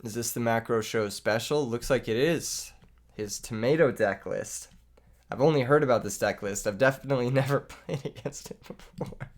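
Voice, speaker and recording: Medium in pitch and normal in speed, a young man's voice, weakened by illness, carries joking, self-mocking live commentary on a card game he plays for his YouTube channel, with frequent laughter.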